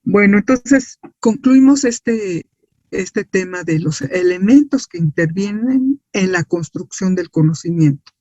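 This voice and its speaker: This Mexican-accented man teaches science in a high, warm voice with lively intonation, taking his time. He lectures didactically, answering his own rhetorical questions and looking for agreement through tag questions, on a dry, dull, lo-fi recording with no echo.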